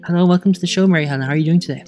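A man hosting a podcast, introducing his guest and asking short, calm questions. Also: a little high, racing, soft background music. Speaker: podcast host. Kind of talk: interview hosting.

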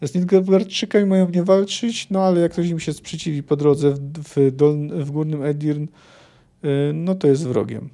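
A man's voice: a little high, steady tone, unhurried, gravelly, dark tone. Hesitant man discussing a novel. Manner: hesitant, with many fillers. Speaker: podcast host. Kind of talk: reading a novel and commenting on it.

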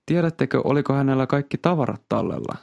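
Guarded old village woman, as a man reading a story puts her on, curt in her answers. The voice has a gravelly edge. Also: mid-range voice, expressive, darkish tone, no echo, studio quality, pitched above the performer's own voice.

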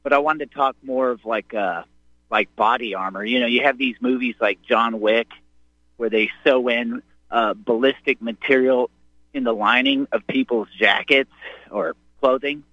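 A man's voice: mid-range voice, moderate pace, sharp tone, no room sound. A man calling in to a radio show, his voice coming through a dull phone line in a dry, close sound. He asks his question hesitantly and pads it with fillers. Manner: hesitant, lots of uh and like. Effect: call-in voice over a phone line.

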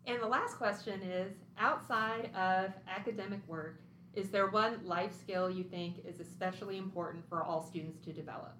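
A woman hosting a school podcast, reading out her introduction and interview questions clearly. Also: mid-range voice, steady tone, normal speed, pushed and bright, slight background noise. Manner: clear, read-aloud questions. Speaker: podcast host. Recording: echoey room.

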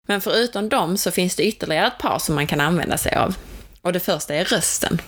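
Woman calmly teaching breathing and relaxation for labor, kinda low voice, gentle coaching tone. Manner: calm, explanatory, gently coaching. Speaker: childbirth educator. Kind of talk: instructional talk.

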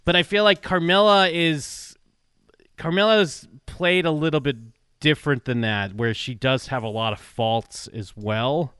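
A man's voice: on the high side, measured pace, fairly bright tone, clear, resonant tone, no echo, clean studio sound. A man co-hosting a podcast, chatting loosely about a TV episode with many fillers and restarts, swearing now and then. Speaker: podcast co-host. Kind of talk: casual TV recap chat.

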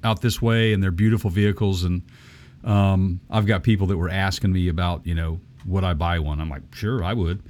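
A man's voice: low voice, fairly even intonation, a little fast, darkish tone. A man co-hosting a casual chat show, easygoing and agreeable, often restarting his sentences. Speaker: podcast co-host.

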